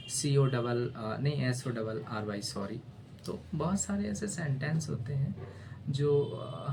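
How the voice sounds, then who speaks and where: A man's voice: mid-range voice, slight background noise. A male teacher gives a casual spoken lesson, spelling letters aloud and often asking "है ना?".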